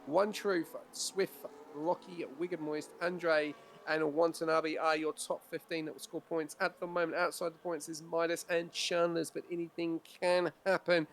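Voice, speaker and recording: Man, racing commentator, high pitch, monotone, relaxed, faint noise. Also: moderate pace, few pauses. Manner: laid-back, many fillers, builds excitement at race starts. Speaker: race commentator.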